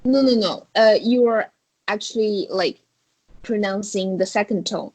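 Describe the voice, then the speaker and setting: This is an online beginner Chinese lesson over video call, heard on a low-quality recording. The woman teaching has a mid-range, slightly mellow voice and takes her time. She coaxes her student patiently, guiding through questions.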